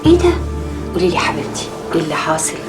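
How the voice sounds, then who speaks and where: An actress playing a middle-aged Egyptian mother who talks in an expressive way, shifting between soft coaxing and tearful outbursts. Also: low-pitched, racing, music in the background. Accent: Egyptian Arabic. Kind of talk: TV drama acting.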